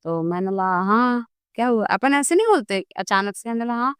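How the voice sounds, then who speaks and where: Woman telling a story in an interview, smooth clear voice, dry close sound, acts out the back and forth. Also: on the high side, fairly quick, dry recording. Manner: animated storytelling, acts out dialogue. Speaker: guest devotee.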